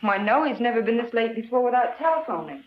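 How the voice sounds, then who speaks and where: High, animated 1950s film wife. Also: female voice, quick pace. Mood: anxious, affronted. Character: anxious, indignant wife of missing man. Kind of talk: 1950s film drama acting. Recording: muffled, echoey, faintly noisy old film.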